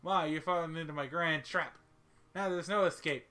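A man doing a gentle, bubbly teenage girl from a game, soft and teasing, pitching up into a bright lilting voice. A faint music bed sits under her lines. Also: animated, fast. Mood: playful. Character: sweet cheerful teenage girl, gentle and playful.

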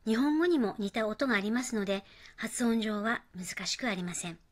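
A woman narrating a scripted pronunciation lesson, modelling English phrases slowly and carefully. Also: fairly high pitch, expressive.

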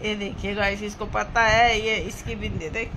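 A woman's voice: mid-range voice, little pitch movement, moderate pace, noisy background. A woman vlogging at home on her phone, chatting to viewers and cooing and fussing at a baby girl. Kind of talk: casual home vlog. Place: room at home.

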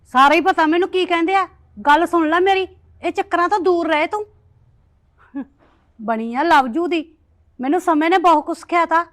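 A woman playing a worried, protective mother who loudly lectures her daughter in a family drama. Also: extremely high pitch, normal speed, long pauses. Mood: scolding. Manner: loud scolding, lecturing. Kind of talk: village family drama acting.

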